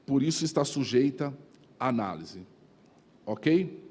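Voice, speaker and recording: A man's voice: medium pitch, expressive, unhurried, a little mellow, slightly rough. A pastor preaching a sermon in a teaching tone, often addressing his listeners as brothers and asking "ok?".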